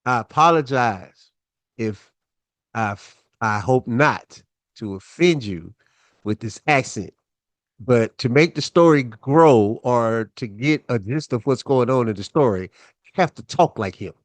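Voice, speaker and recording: A man's voice: mid-range voice, lively intonation, a little slow, dry recording. A man hosting his own show, telling a personal story in a laid-back, chatty way with lots of fillers.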